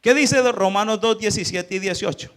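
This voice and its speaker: High-voiced pastor preaching. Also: male voice, normal speed, fairly bright tone. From Colombia. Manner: preaching with rhetorical questions to the congregation. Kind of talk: sermon.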